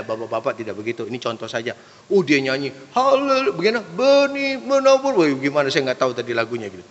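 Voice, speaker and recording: A man preaching a sermon as pastor, animated, acting out other preachers and swinging between loud and hushed delivery. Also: mid-range voice, dull audio. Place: church. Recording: echoey church hall.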